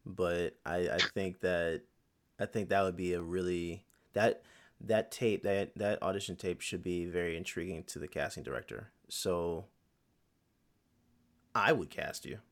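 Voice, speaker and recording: A man co-hosting a podcast, laid-back and candid as he chats. His voice is very deep. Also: normal speed. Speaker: podcast co-host. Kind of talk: casual chat.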